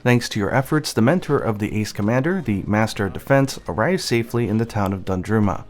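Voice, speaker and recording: A man who is both narrator and channel host gives light scripted narration over game cutscenes, explaining the story as it unfolds. His voice is on the low side, brisk, and lively in intonation, with game music playing behind it.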